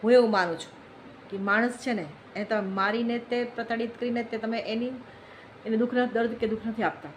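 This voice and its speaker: A woman's voice: a little high, fairly even intonation, a little fast, slight background noise, poor audio. A woman giving an earnest, reflective moral talk, telling stories and repeating phrases for emphasis. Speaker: speaker on social issues.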